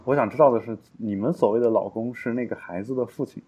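A man's voice: mid-range voice, fast. A man hosting a podcast, dropping brief wry interjections into a casual chat. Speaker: podcast host. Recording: roomy, dull recording with crowd murmur.

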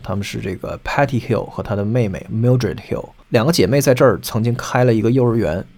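A man's voice: on the low side, a little fast, a little mellow. A man hosting a solo podcast, explaining music at length and singing short snatches of songs to make his points. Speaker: podcast host.

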